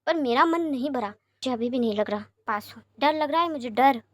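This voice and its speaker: A woman's voice: high voice, animated, a little fast, no echo, studio quality. A woman voicing a tender, stubbornly devoted young prince in a fanfiction reading, insistent and passionate.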